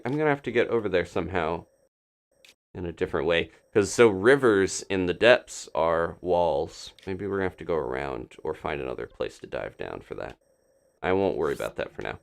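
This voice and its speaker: A man with a low, gravelly voice streams a video game and offers casual live commentary, thinking aloud as he plays. He's animated and talks at a normal speed, his pitch jumping around as he rambles playfully and mutters to himself while figuring things out.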